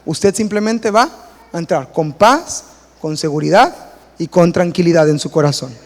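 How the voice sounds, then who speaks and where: High-pitched pastor preaching in a hall. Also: male voice, normal speed. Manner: animated, acts out quoted voices and stories. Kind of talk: sermon. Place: church hall.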